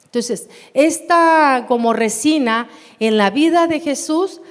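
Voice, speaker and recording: A woman with a Mexican Spanish accent leads a Bible class in a church hall, her voice carrying a long reverb. She speaks slowly and stays high in pitch, often pausing to ask her listeners questions. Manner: unhurried, asks the class questions.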